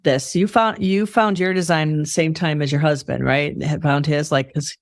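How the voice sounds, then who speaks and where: Woman, host, head cold, rambling, self-correcting, lowish voice, dry close sound. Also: fairly even intonation, normal speed, dry recording. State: has a cold. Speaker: podcast host. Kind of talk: casual interview chat.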